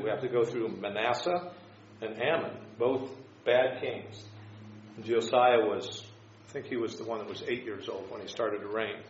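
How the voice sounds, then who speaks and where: A man teaching an informal Bible class, explaining scripture and history in a halting, tentative way. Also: medium pitch. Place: echoing room, teaching a class. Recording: echoey room, dull sound, faint noise.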